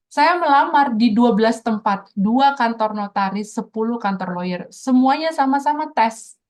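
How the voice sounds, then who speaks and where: A woman's voice: sits high, darkish tone. A middle-aged woman giving an earnest personal testimony in an interview, telling her story to the host and often addressing him directly.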